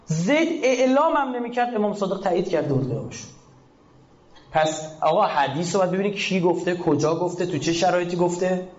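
Impassioned high-voiced male preacher. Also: animated. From Iran. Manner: impassioned, swings from shouted peaks to hushed lows. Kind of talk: religious sermon. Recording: echoey, slightly dull recording.

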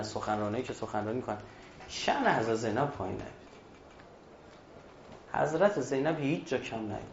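A man preaching a religious sermon at a mourning gathering, moving between hushed storytelling and loud, emphatic exhortation. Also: medium pitch, a little hiss or hum. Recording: echoey dull hall recording.

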